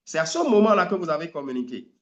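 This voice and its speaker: A man's voice: a little high, fast talker, dull audio. Echoey man coaching English. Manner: lively, emphatic, stops to hunt for words. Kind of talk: live online training talk.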